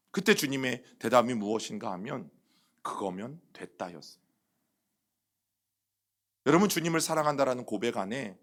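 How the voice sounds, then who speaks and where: A middle-aged man preaching a Sunday sermon as senior pastor. He swings from loud, emphatic phrases to soft, low endings, and he acts out quoted questions in an intimate voice. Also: vocal fry. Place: church sanctuary.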